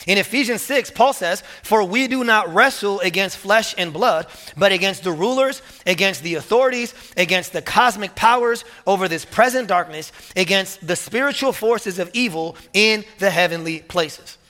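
A male pastor preaches energetically in a high, bright voice, pressing each point, repeating key words and rising to emphatic peaks. He talks at normal speed with few pauses, and his sermon rings with long reverb in a large hall.

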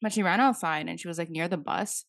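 A young woman tells a long story on her podcast in loose, casual chat, peppered with "like" and the odd swear word. Her voice sits on the low side, and the sound is dry and close, with no room around it. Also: quick pace, vocal fry, no echo. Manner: rambling storytelling, heavy use of "like" fillers, swears freely. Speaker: podcast co-host.

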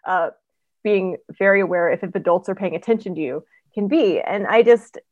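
A woman author chatting as a guest on a podcast interview, telling stories in an animated way with frequent ums. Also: mid-range voice, no echo, highs cut off. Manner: animated storyteller, quick asides, frequent ums. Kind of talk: casual interview chat.

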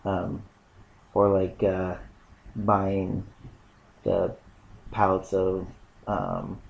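Male, casual co-host, low gravelly voice, halting and full of ums. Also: monotone, dull audio. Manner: rambling, halting, lots of ums. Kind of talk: casual chat.

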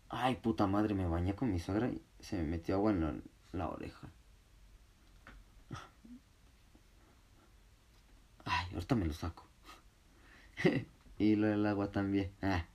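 A man's voice: medium pitch, warm tone. A young man with a Mexican accent casually telling a story in heavy slang, often breaking into laughter. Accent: Mexican Spanish.

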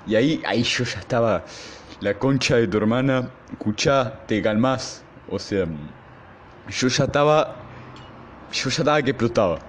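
A young man with an Argentine accent, hosting his podcast and telling a school story in a casual, slangy, animated way. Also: medium pitch, moderate pace, slight background noise. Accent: Argentine Spanish. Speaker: podcast host.

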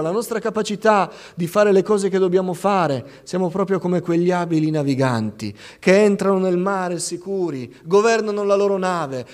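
Impassioned preacher in a reverberant hall. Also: male voice, a little high. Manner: impassioned, swings from loud cries to hushed tones. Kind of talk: sermon. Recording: long reverb of a church hall.

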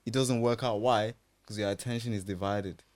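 A young man with a fairly low voice and a London accent chats on a podcast. He explains things casually in slangy roadman style. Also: fairly even intonation, moderate pace, darkish tone. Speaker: podcast co-host.

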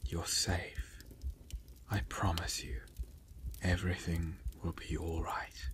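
Man's slow, soft, soothing spa whisper. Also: low voice, level tone. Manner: slow, gentle, reassuring, in short pausing phrases. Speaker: ASMR guide. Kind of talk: soft whispered ASMR relaxation and affirmations.

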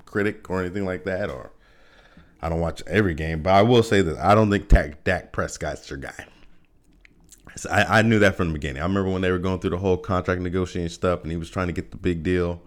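A man with a low, deep voice talks on his solo podcast in a loose, joking way. He laughs a lot and keeps restarting his sentences with repeated words. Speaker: podcast host. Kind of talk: casual solo podcast chat.

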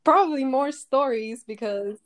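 A woman's voice: high-pitched, unhurried, a loud crowd. A young woman co-hosting a podcast, chiming in to back up the story and signing off the episode. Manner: agreeable, chimes in to back up the story. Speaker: podcast co-host. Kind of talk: casual chat.

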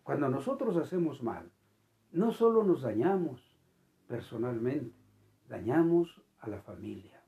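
Animated preacher with a gravelly voice. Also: medium pitch, a little slow, phone-quality sound. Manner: animated, emphatic swings between loud and quiet; repeats and restarts phrases. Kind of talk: sermon.

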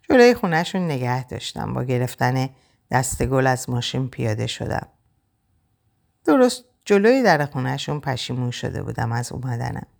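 A woman narrating a novel in the first person, in a quiet, reflective, measured way. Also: very deep voice, very animated, gravelly. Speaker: audiobook narrator.

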